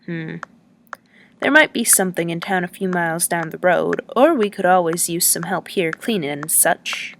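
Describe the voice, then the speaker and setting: A woman's voice: on the low side, moderate pace, creaky, slight background noise. A woman reading the lines of a chatty, teasing male lodging-house keeper who rambles in a folksy way.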